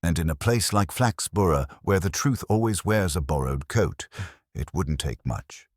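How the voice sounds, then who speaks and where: Guy reading serious detective inspector, really deep voice, deliberate, lively pitch, storybook mystery. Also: no echo, studio quality. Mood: intent, ominous. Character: grave, deliberate male police inspector. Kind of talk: read-aloud mystery story dialogue.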